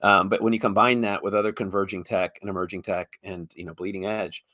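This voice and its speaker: A man in his fifties speaks as a podcast guest, his low voice slightly hoarse from illness. The sound is dry and close. He rambles with enthusiasm, often repeating words as he builds up a thought. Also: flat delivery, a little fast, bright, forceful tone, no room sound. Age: 50s. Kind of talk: casual interview talk.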